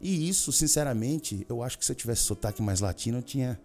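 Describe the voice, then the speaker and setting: A man teaching an energetic video lesson, chatting with viewers and drilling pronunciation aloud. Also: mid-range voice, fast talker, soft background music. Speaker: English teacher.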